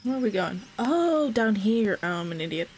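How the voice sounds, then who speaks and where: A woman's voice: mid-range voice, sing-song, normal speed, slight background noise. A woman giving casual let's play commentary, self-deprecating and talking to herself and the game. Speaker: gaming host.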